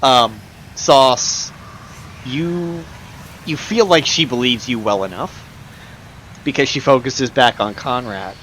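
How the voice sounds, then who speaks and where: A man running a tabletop game as game master, improvising narration and pausing to search for words. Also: mid-range voice, a bit bright. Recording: clear background noise.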